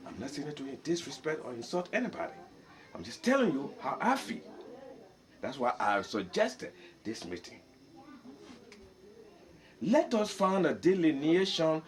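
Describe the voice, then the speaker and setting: A man's voice: a little high, slight background noise. Emphatic older man addressing a meeting. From Liberia. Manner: emphatic, repeats words, mixes in local language. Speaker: community meeting speaker.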